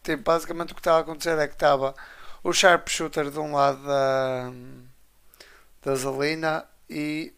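A man's voice: on the high side, level tone, moderate pace, a bit bright, clear, resonant tone. A man with a European Portuguese accent co-hosting a casual live wrestling chat, using slang and English words. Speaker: wrestling show co-host.

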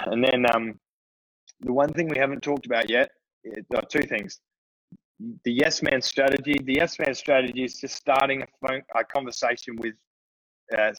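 A man's voice: mid-range voice, fairly bright tone, no room sound, poor audio. A man coaching tradespeople on phone sales, talking loosely with many fillers. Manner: casual, conversational, many fillers. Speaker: business coach. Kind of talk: instructional talk to tradespeople.

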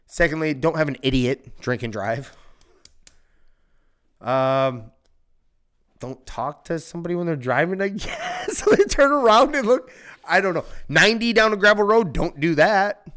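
Man, fairly high voice, animated, profane, laughing, casual podcast storytelling. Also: moderate pace. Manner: animated, profane, laughing, shouts when reenacting. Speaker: storyteller guest.

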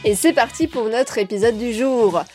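A woman's voice: on the high side, expressive, moderate pace, darkish tone, soft background music. A woman hosting a podcast, talking upbeat and straight to her listeners. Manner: upbeat, direct address to listeners. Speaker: podcast host. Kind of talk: scripted podcast talk.

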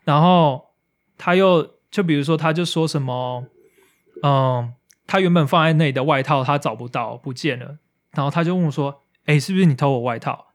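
A man's voice: a little high, normal speed. A man co-hosting a podcast, telling a story in casual chat and acting out quotes with English slang. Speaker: podcast co-host.

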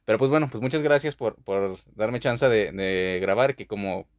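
A man's voice: fairly low pitch, moderate pace, dry recording, studio quality. A young man hosting a podcast, talking through a childhood memory in a rambling, casual way with many fillers. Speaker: podcast host.

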